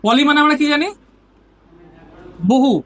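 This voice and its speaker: A woman teacher with a Bengali accent explains grammar step by step, often asking "ঠিক আছে?" to check that her students are following. Her voice is high-pitched with fairly even intonation and a measured pace.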